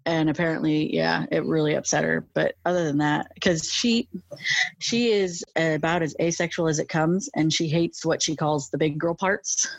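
A woman's voice: deep voice, moderate pace, vocal fry, dry recording. A young woman with a lateral lisp, chatting casually in an interview, rambling with many fillers. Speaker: interview guest.

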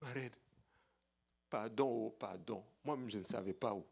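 A man voicing a terrified royal minister who begs forgiveness in a low, hushed, pleading voice. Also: normal speed, vocal fry, breathy edge. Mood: begging. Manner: pleading, whimpering apologies. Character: terrified grovelling male royal minister begging.

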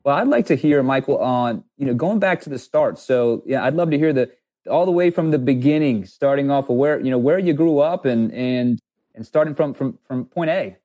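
A man's voice: mid-range voice, normal speed, warm tone, no room sound. A man hosting an interview, eager and stammering, repeating his words as he talks. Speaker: podcast host. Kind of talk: casual interview talk.

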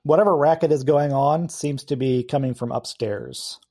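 A man narrating as game master of a tabletop role-playing game, describing scenes at an easy pace with filler pauses. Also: mid-range voice, warm tone, slightly rough.

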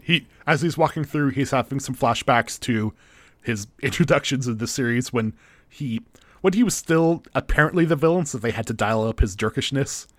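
A man's voice: medium pitch, normal speed, dry recording. A man co-hosting a casual chat, recapping a TV episode and paraphrasing the characters' lines with jokes and laughs. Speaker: podcast co-host.

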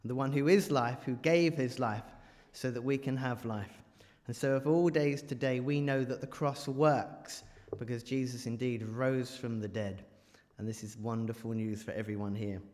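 A man's voice: medium pitch, steady tone, moderate pace, few pauses, a little mellow. A man giving a chatty, joking talk to a church congregation and quizzing the audience as he speaks. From England. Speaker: guest preacher. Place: large church. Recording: reverberant church hall.

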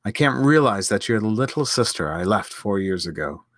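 A man voicing a sturdy young man, a warm big brother who speaks soberly and earnestly, in a storybook reading. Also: lowish voice, animated, normal speed, no echo, studio quality.

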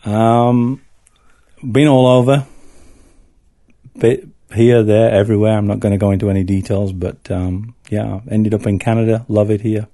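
A man's voice: fairly low pitch, flat delivery, moderate pace, mellow, dry recording. A middle-aged man with a Northern English accent, chatting casually as a podcast guest in a wry, self-deprecating way. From north of England. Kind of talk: casual chat.

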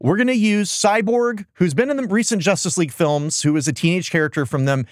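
A man's voice: sits high, brisk, dry recording, studio quality. An American man chatting casually as a podcast host, with a sarcastic, incredulous, joking manner. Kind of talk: casual comedic chat about old cartoons.

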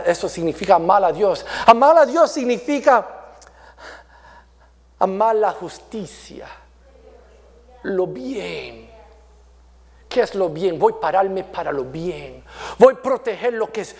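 A man delivers a sermon in a high, light voice at an unhurried, deliberate pace. He is earnest and often restarts or repeats words. His delivery swings between raised, emphatic passages and hushed ones. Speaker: preacher.

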